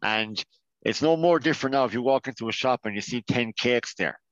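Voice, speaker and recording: An Irish man speaks earnestly as a guest on a podcast, in a casual conversation full of fillers and restarted sentences. His voice is mid-range and a little fast. The recording is dry and dull, with no echo.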